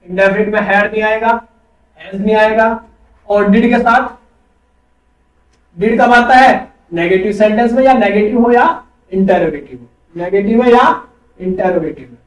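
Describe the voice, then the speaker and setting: High-voiced male teacher, echoey room. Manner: asks questions and answers them himself. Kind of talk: online coaching class. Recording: echoey room, far from mic.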